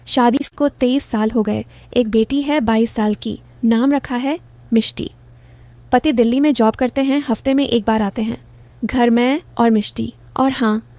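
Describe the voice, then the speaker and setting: A woman's voice: on the high side, mellow, dry recording. A woman in her forties narrating a first-person story in an intimate, confessional way.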